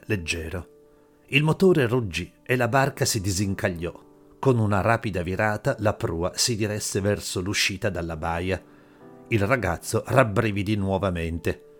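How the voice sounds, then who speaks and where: A man reading a story aloud in a calm, measured audiobook narration over faint music. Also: deep voice. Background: faint background music.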